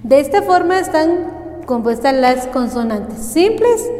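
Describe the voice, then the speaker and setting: A woman's voice: sits high, big pitch swings, takes it slowly, darkish tone. A woman teaching a language lesson, carefully sounding out letters and their sounds one at a time. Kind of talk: slow spoken lesson. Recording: echoey room with long reverb and faint music.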